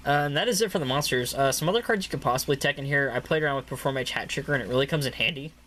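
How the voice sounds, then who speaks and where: A man's voice: mid-range voice, very fast, fairly bright tone, slight background noise. A man casually walking through a card game deck, rambling with many fillers and coughing now and then. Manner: rambling, many filler uhs, repeats "really, really". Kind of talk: casual deck profile talk.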